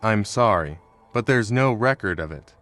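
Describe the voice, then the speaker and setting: A man doing a flat, dismissive cop. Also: fairly low pitch, normal speed, faint music behind. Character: flat, dismissive male police officer.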